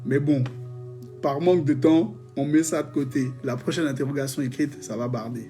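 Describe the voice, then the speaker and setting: A man leading a live-streamed prayer session, reading testimonies and preaching in a lively, exclamatory way, often joking with his viewers. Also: medium pitch, normal speed. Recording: faint music behind.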